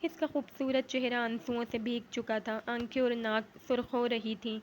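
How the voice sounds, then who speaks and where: A woman reads a romance novel aloud in a steady, measured way. Her voice is fairly high and keeps a flat, even line. A faint noise sits behind her. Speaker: novel reader.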